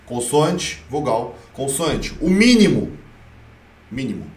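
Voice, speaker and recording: Emphatic Brazilian teacher in an echoey room. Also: male voice, medium pitch, big pitch swings, slow pace, far from the mic. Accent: Brazilian Portuguese. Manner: emphatic, blunt, playful, repeats himself. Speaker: Korean teacher. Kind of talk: online language lesson.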